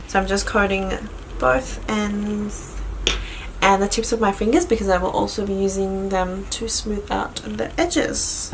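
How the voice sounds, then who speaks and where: A woman's voice: medium pitch, fairly bright tone, a little hiss or hum, poor audio. A woman beauty vlogger chatting informally as she explains a makeup tutorial step by step. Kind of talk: casual instructional chat.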